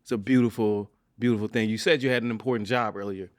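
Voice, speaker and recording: A man hosting a podcast, earnest and reflective, quick to laugh with his guest. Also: lowish voice, fairly even intonation, no echo, clean studio sound. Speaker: podcast host. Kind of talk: reflective interview chat.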